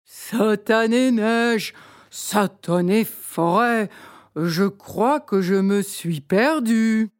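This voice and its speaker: A plump, jolly old Santa from a storybook, booming out slow, hearty exclamations. A woman narrator acts him out. The voice sits close and dry. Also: dry recording. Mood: grumbling.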